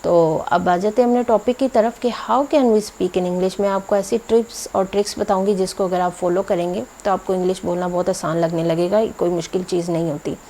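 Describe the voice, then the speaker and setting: A woman whose first language is Urdu, teaching a spoken English lesson and slowing down to spell out example words one by one. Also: on the low side, steady tone, mellow, a little hiss or hum, rough recording. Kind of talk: explanatory video lesson.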